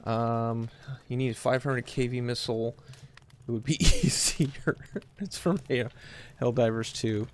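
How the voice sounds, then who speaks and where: A man's voice: mid-range voice, fairly even intonation, unhurried, a little hiss or hum. A man chatting casually with friends while playing a video game, laughing easily. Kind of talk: casual gaming chat.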